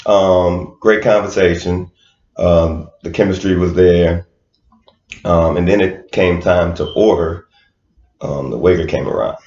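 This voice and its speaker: Deep-voiced man, laid-back podcast chat. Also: fairly even intonation, unhurried, darkish tone. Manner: laid-back, hesitant with many fillers, laughs often. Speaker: podcast co-host. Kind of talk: casual chat. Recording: roomy, dull lo-fi sound.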